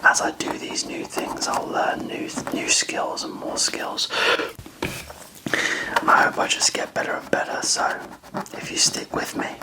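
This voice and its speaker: A person whispering a casual, self-deprecating ASMR ramble in a breathy, unvoiced voice, musing in a chatty way. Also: measured pace, rough recording. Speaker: ASMR video creator.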